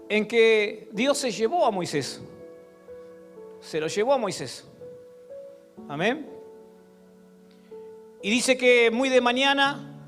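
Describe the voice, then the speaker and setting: A man with a Rioplatense accent preaches a sermon in a strikingly high voice. He builds from storytelling to loud, fervent exhortation. His words ring out through a reverberant church hall over faint music. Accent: Rioplatense Spanish. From Argentina. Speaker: pastor.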